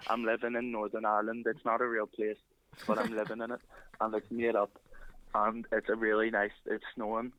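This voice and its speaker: A man playing an unhinged caller who rambles in a flat, matter-of-fact way. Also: lowish voice, a little fast, muffled recording, slight background noise, lightly acted. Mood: deadpan. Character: deadpan unhinged male caller Robert. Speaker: prank caller.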